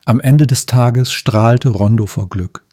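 A man narrating a children's story in a calm, measured reading voice. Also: mid-range voice, no echo, clean studio sound.

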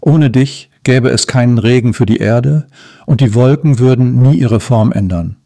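Brief: squeaky, timid little girl mouse from a storybook, mellow and soft as done by a man. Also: normal speed, gravelly, no echo, clean studio sound. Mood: gentle. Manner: squeaky, timid then gentle. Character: small brave female cloud mouse.

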